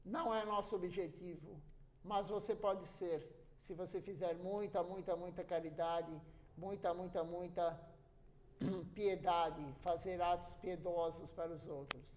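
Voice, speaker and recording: A high-pitched man delivers a temple sermon. He speaks earnestly and hammers home points by repeating them. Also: steady tone, measured pace, a little mellow. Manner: earnest, repetitive emphasis. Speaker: preacher.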